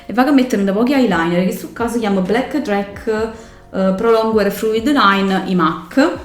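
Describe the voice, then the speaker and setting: A woman's voice: mid-range voice, moderate pace. Young female beauty vlogger, Neapolitan accent, informal tutorial chat, roomy recording over music. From Naples area, Italy. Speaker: beauty vlogger doing her mother's makeup. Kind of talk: casual makeup tutorial chat in dialect. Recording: roomy echo, music behind.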